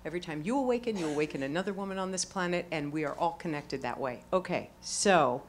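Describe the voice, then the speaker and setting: Honoree, middle-aged woman, lower register, exuberant and salty, live event with faint hiss. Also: quick pace. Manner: exuberant, swings from quiet to loud exclamations, laughs often. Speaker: award honoree speaking onstage. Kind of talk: lively onstage conversation with profanity.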